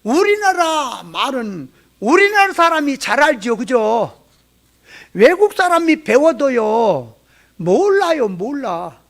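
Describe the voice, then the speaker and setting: A man's voice: very high voice, big pitch swings, takes it slowly, a bit bright. A pastor with a Jeolla accent preaching a sermon, folksy and full of rhetorical questions to his congregation. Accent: Jeolla Korean. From Jeolla, Korea. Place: church sanctuary.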